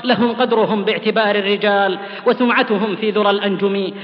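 A man preaching a sermon, telling old stories fervently and dropping low and soft on solemn phrases. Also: fairly even intonation, quick pace, in a large hall, muffled recording. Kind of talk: sermon with storytelling.

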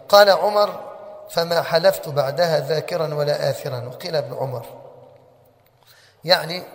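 A man's voice: on the high side, fairly bright tone. A man teaching a religious lesson, who keeps asking his listeners rhetorical questions. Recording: long hall reverb.

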